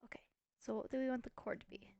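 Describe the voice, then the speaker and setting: A woman's voice: fairly high pitch, fairly even intonation, fast, gravelly, dark tone, dry recording, dull audio, faint music behind. A woman hosting a casual gameplay video, chatty and thinking aloud with playful self-mockery. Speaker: Minecraft let's-play host.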